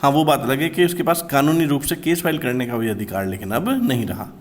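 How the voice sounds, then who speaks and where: A man teaching a commerce law class, explaining step by step and slowly repeating key terms, with terms. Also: mid-range voice.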